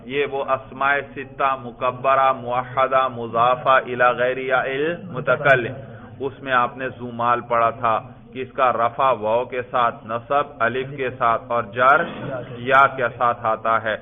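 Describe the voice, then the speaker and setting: A male teacher giving a classroom grammar lesson, explaining patiently, repeating key words and quizzing his students. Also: medium pitch. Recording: tinny phone-like audio.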